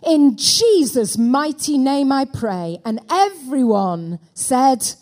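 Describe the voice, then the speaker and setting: High-voiced woman preaching at a pulpit microphone. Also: expressive, takes it slowly, darkish tone, slight background noise. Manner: calls out for amens from the congregation. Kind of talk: sermon. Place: church.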